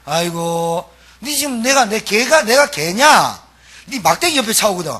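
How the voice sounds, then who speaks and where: A man's voice: sits high, very animated, moderate pace, bright, forceful tone, full character voice. A man voicing a scornful giant warrior who taunts in a Gyeongsang dialect. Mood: mocking. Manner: taunting, jeering.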